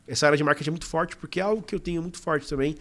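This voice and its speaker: A young Brazilian man tells his story as a podcast guest, talking very quickly and with lots of energy. His voice sits a little high for a man, and his casual manner is full of fillers.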